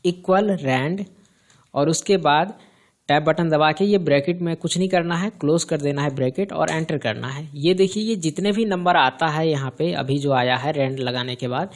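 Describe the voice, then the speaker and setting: A man explaining spreadsheet formulas step by step in a screen-recorded computer lesson, asking questions and answering them himself. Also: on the high side. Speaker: computer teacher. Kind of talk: screen-recorded software tutorial.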